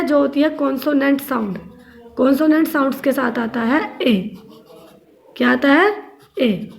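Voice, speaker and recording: Lady teacher doing a grammar class, high voice, bit of vocal fry, spells words out letter by letter. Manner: asks questions and answers them herself. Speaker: school teacher. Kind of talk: classroom grammar lesson in Hindi and English.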